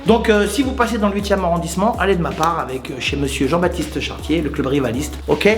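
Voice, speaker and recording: A man's voice: a little high, fast, echoey room. A male channel host talking casually and enthusiastically to the camera, speaking straight to his viewers and repeating his points. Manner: chatty and enthusiastic, addresses viewers directly, repeats himself. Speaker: muay thai channel host.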